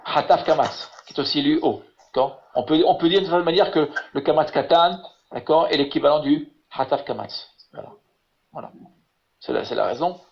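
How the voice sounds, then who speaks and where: Man, Hebrew teacher, online lesson, halting, repetitive, slightly raised pitch, muffled lo-fi call audio. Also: vocal fry. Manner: halting, repeats words and fills with "voilà". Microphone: video call.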